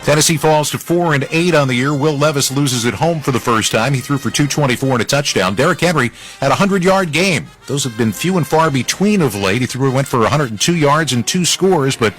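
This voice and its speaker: A man's voice: mid-range voice, animated, brisk, few pauses, a bit bright, soft background music. A man hosting a radio football roundup, narrating scores in a punchy, informal way with conversational asides. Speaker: sports radio highlights host.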